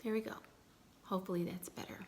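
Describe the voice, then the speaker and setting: A woman vlogging on her phone at home, mostly whispering in a chatty, blunt, slangy way, with a few louder bursts. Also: medium pitch, steady tone, fast, slight background noise. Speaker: vlogger giving dating advice. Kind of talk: casual chat to camera. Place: home, indoors.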